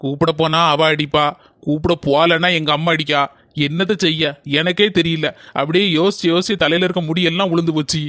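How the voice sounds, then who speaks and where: A woman's voice: deep voice, steady tone, fairly quick, fairly bright tone, no echo, clean studio sound. A woman voicing a weary, henpecked young husband in a cartoon, complaining in a tired drone with a southern Tamil accent. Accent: southern Tamil (Tirunelveli–Kanyakumari). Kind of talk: cartoon comedy voice acting.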